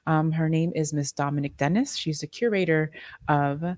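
A woman moderating a gallery panel, reading speaker introductions in a halting way with restarts. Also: sits low, darkish tone, no room sound, studio quality. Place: art gallery room, indoors.

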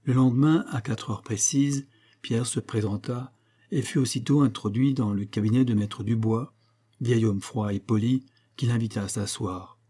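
Mellow husky male audiobook narrator. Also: medium pitch, moderate pace. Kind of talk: scripted narration of a detective story.

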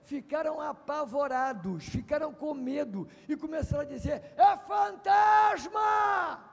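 High, gravelly pastor preaching. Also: male voice, moderate pace, in a large hall, some chatter behind. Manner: emphatic preaching with shouts and call-and-response. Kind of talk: sermon. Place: large congress hall.

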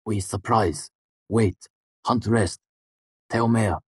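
A man voicing a calm foreign male warrior in an audiobook, speaking in clipped, halting phrases. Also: on the low side, husky, no room sound, clean studio sound, voice pushed up, exaggerated voice. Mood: terse. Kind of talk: audiobook character voice.

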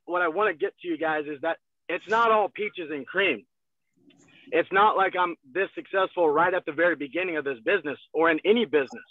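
A man in his twenties giving an energetic motivational sales talk from a car, heard over a video call. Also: on the high side, no echo. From Texas. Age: 20s. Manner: energetic, gestures a lot, repeats phrases. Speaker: guest salesman. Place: in a parked car. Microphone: phone on a video call. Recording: thin phone-like video call audio.

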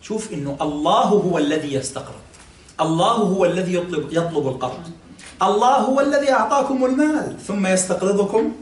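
A man teaching a classroom religious lesson, explaining patiently, quizzing listeners and pausing on fillers. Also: high voice, expressive, slight background noise. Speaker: sheikh teaching Quran exegesis. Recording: echoey room, mic at a distance, faint ambience.

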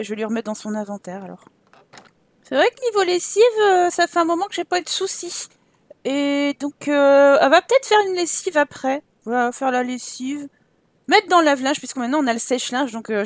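Young female let's-play host, bright high pitch, dry booth sound, playful running commentary. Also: no room sound. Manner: chatty, teasing her characters with exclamations. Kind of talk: casual gameplay commentary.

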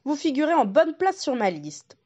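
A woman's voice: high-pitched, sing-song, moderate pace, warm tone, lo-fi sound, pitched above the performer's own voice. A woman voicing a hungry but sentimental male wolf who muses and grumbles to himself. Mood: musing.

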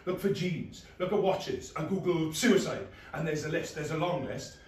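A man's voice: fairly high pitch, lively intonation, slow pace, darkish tone, pitched above the performer's own voice. A man performing a stage monologue as an anguished, panicking young man, in raw, intense short bursts. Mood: mounting dread. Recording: echoey room, far from mic, faint noise.

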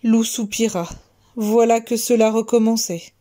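Slow gentle woman storyteller. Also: on the high side, fairly even intonation. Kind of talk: children's story reading.

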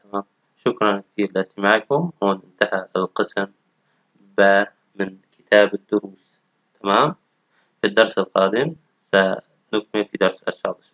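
A man's voice: fairly low pitch, brisk, long pauses, a bit bright, no room sound. A man, teaching a textbook language lesson and patiently repeating each word. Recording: dull, dry lo-fi audio.

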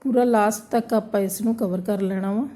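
Woman, craft tutorial narrator, very mellow dark tone, gentle and repetitive. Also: medium pitch, fairly even intonation, moderate pace. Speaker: embroidery teacher.

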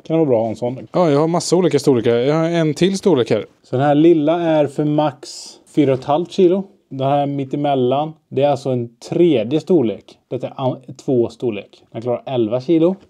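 Young male vlogger, casual and rambling, mellow tone, on a handheld camera. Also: on the high side, few pauses. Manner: rambling, mixes in English phrases. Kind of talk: casual solo vlog. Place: basement and workplace, indoors.

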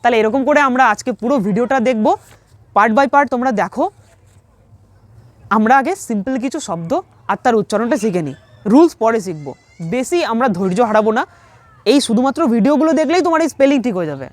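A woman teaching English spelling in an online lesson, patiently spelling words letter by letter and repeating each one slowly. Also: on the high side, expressive, no echo.

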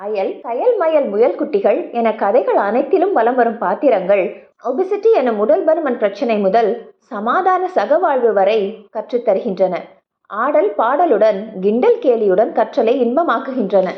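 High, lively woman reading a children's story. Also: moderate pace, highs cut off. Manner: lively, expressive storytelling addressing young listeners. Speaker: audiobook reader.

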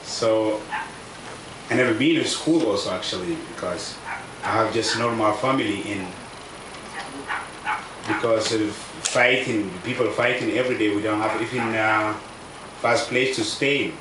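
A South Sudanese refugee man in his thirties gives personal testimony at a public event, speaking halting non-native English with a fairly low pitch; his first language is a South Sudanese language. He talks outdoors under a tent canopy at a camp into a table microphone on a stand, and the sound is echoey and distant with background noise.

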